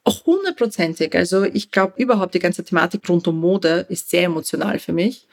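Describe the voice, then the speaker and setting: A woman's voice: fairly low pitch, lively intonation, fairly quick. Woman, reflective storyteller. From born in Tajikistan, raised in Austria. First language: Russian. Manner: reflective, warm storytelling with light laughs. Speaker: fashion professional guest. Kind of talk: conversational interview answers.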